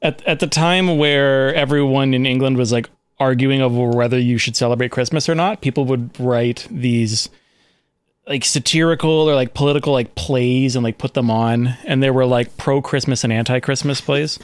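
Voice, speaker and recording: A man's voice: medium pitch, fairly even intonation, normal speed, smooth, no echo. A man hosting a comedy podcast, chatting casually and profanely with many fillers. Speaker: podcast host.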